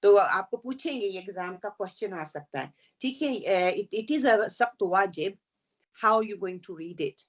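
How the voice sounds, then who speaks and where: A woman teaching Quran recitation rules in an online lesson, explaining patiently, checking in with her students, and slowly reciting example verses. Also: medium pitch, expressive, dull audio. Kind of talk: online tajweed lesson, mixing Urdu and English.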